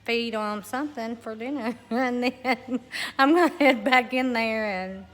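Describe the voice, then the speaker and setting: Chatty woman vlogger, bright voice. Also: a little high, a little slow. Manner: chatty, rambling, laughs often. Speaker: homesteading vlogger. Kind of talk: casual walk-and-talk vlog.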